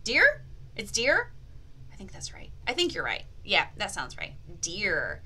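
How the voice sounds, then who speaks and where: A woman with a mid-range voice leads an interactive read-aloud language lesson for young children, her pitch swinging widely at a measured pace with a sharp edge. She's playfully exaggerated and encouraging, asking questions and drawing out key words. There's slight background noise.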